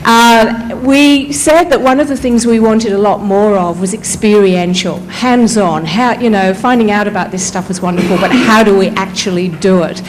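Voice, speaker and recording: A woman's voice: medium pitch, moderate pace, few pauses, a little hiss or hum, rough recording. Woman briefly introducing a speaker. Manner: brief, apologetic, to the point. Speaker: conference host. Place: conference hall.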